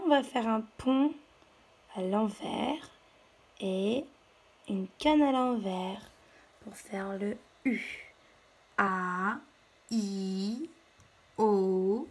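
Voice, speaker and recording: A woman's voice: mid-range voice, darkish tone, husky. A woman teacher giving a patient, step-by-step handwriting lesson to young children. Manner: slow, patient step-by-step instruction.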